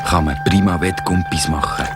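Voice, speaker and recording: Brief: male storybook narrator, Swiss German accent, deep and gentle. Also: fairly even intonation, moderate pace. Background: cartoon music.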